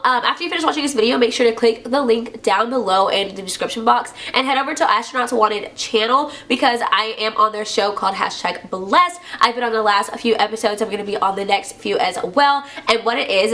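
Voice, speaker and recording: A young woman vlogger with a stuffy, congested voice and a slightly dry throat, chatting casually and fast with lots of "like" and "y'all". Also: a little high, pushed and bright. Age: young adult. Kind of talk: casual chat.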